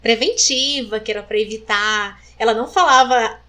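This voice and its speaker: A woman from Maranhão, Brazil, telling a personal story as an interview guest, animated and acting out the voices of others. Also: on the high side, moderate pace, a little hiss or hum.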